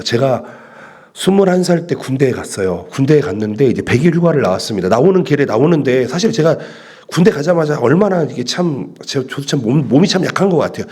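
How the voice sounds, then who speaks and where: A middle-aged Korean man preaching a sermon in a church, animated, dropping to hushed asides. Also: medium pitch, slightly rough. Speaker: pastor. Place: church sanctuary.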